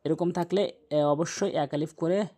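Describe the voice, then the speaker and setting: A man giving a spoken Quran recitation lesson. He spells out letters and vowel marks, recites the examples slowly with long drawn-out sounds, and keeps pointing out and correcting common mistakes. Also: a little high, dark tone. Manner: corrects common mistakes repeatedly, urging viewers to pay attention.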